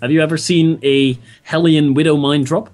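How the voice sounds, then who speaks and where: Speaking at normal speed in a slightly high voice, this male esports caster delivers play-by-play on a video game match. He introduces the players and works through strategy aloud with easy enthusiasm, excitable and laughing often.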